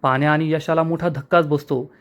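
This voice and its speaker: A man narrating a recap of a TV serial episode in a brisk storytelling manner. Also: on the high side, fairly even intonation.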